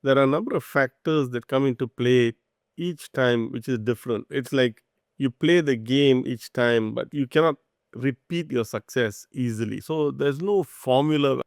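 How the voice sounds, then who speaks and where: A man's voice: mid-range voice, unhurried, creaky, clear, resonant tone, no room sound, clean studio sound. A man from Singapore, a startup founder, giving thoughtful, explanatory interview answers.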